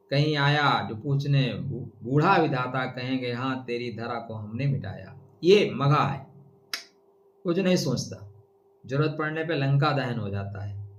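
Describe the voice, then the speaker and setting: A man's voice: on the high side, fairly bright tone, lo-fi sound. Emphatic male astrologer, echoey room. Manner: emphatic, declaiming verse and Sanskrit lines. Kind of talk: yearly horoscope talk.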